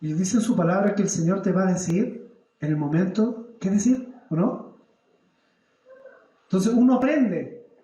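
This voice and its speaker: His voice sitting high, this Chilean man in his thirties preaches a little slowly and pauses often. During the church service he tells personal stories with animation, dramatizing his prayers and questioning the congregation, and the hall echoes around him.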